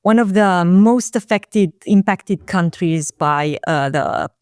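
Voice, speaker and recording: Low-voiced woman, reflective. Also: slow pace, darkish tone, smooth, no room sound, studio quality. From Romania. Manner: reflective, hesitant with frequent fillers and restarts. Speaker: guest, marketing executive. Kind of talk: casual interview.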